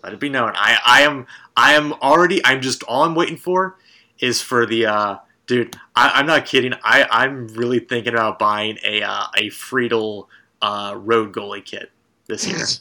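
A man with a bright, forward voice hosts a casual sports podcast. He rambles enthusiastically, circling back on his words and laughing easily. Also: mid-range voice, steady tone, normal speed. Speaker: podcast host.

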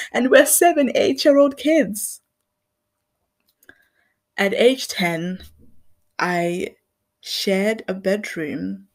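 Speaking extremely slowly and pausing often, a young Zimbabwean woman in her own podcast offers a personal commentary monologue. Her medium-pitched voice sounds earnest and reflective, broken up by small laughs.

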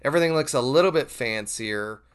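A man's voice: mid-range voice, animated, brisk, clean tone. Jokey man hosting a podcast. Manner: jokey, rambling, self-deprecating. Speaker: podcast host. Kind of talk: casual podcast chat.

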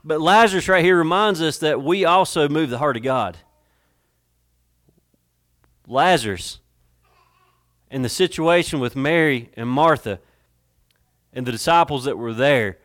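A male pastor preaching a sermon, earnest and emotional, slowing down for emphasis. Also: a little high, a bit bright, no echo, studio quality. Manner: emotional, slows down for emphasis, reads scripture in old-fashioned wording.

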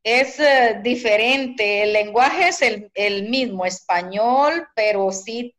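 A woman from Zacapa with an eastern Guatemalan accent and a sing-song, expressive way of talking, a guest in an interview. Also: on the high side, slow pace. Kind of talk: casual interview.

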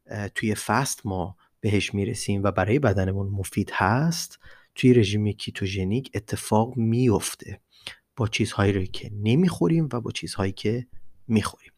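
A man with an Iranian Persian accent explains things as a solo podcast host, speaking in a deliberate, emphatic way and repeating words for stress. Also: fairly low pitch.

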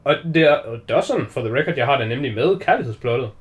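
A man in casual conversation about a film, retelling scenes with lively quoted voices and frequent swearing. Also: mid-range voice.

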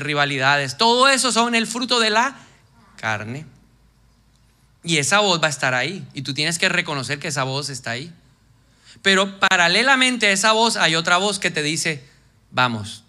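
Man, pastor, lively sermon, somewhat high voice, very bright tone. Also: clear, resonant tone. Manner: lively preaching, acts out quoted voices, drops to soft intense tones.

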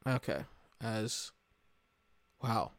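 A man's voice: fairly low pitch, sing-song, drawn-out words, creaky, no room sound, studio quality. A man hosting a podcast, reacting live to an awards broadcast in casual, rambling commentary, often exasperated and swearing. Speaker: podcast host.

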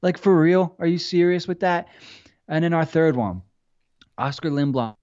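A man venting on a podcast, firing off exasperated rhetorical questions and swearing heavily. His voice sits a bit high for a man, and the recording sounds slightly dull and lo-fi. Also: normal speed, a little mellow. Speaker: podcast co-host. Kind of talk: casual sports chat.

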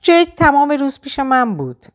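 A woman's voice: high voice, very animated, pitched above the performer's own voice. A woman voicing a harried male bar manager who stammers and restarts his sentences. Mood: irritated.

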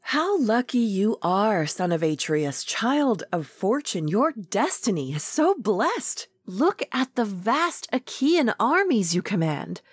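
A woman playing a gentle old king. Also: mid-range voice, sing-song, takes it slowly, few pauses, slightly rough, dry recording, voice pushed up, full character voice. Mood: wondering. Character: aged grieving king, gentle and wondering.

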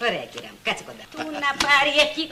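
A woman acting in a 1960s film comedy, playing an excitable heroine with loud, theatrical exclamations. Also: on the high side, very noisy. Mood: bossy, cajoling. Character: brash, excitable comic heroine.

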